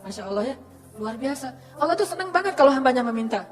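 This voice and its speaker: A woman speaks quickly in a high voice, retelling a sermon with lively storytelling. Faint background music plays beneath her talk. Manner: lively storytelling with acted quotes. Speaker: religious speaker.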